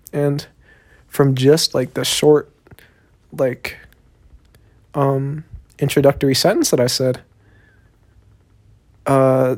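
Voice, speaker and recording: This Texas podcast host is a young man with a Southern Texan accent whose medium-pitched voice has a darkish tone. Going solo, he rambles casually and profanely, leaning on plenty of fillers.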